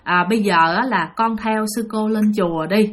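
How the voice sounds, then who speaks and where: A woman voicing a gentle Buddhist nun who coaxes softly, speaking. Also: mid-range voice, moderate pace, natural voice. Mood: coaxing. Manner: soft, coaxing, motherly.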